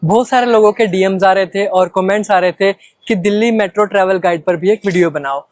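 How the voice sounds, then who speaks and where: A man's voice: high-pitched, fairly quick, no echo. Indian male travel vlogger, dry close sound. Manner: instructional, mixes in English phrases. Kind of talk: step-by-step explanatory vlog narration.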